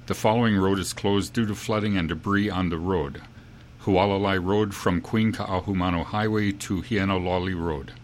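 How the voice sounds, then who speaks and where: A man reading a scripted emergency bulletin in the grave, measured, official manner of a civil defense broadcast. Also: low-pitched, steady tone, slight background noise.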